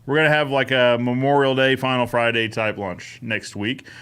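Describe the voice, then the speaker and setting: A man's voice: mid-range voice, fairly even intonation, normal speed, fairly bright tone, clear, resonant tone. A man hosting a casual live-stream Q&A, upbeat and chatty, greeting viewers by name between answers. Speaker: host of a live Q&A show.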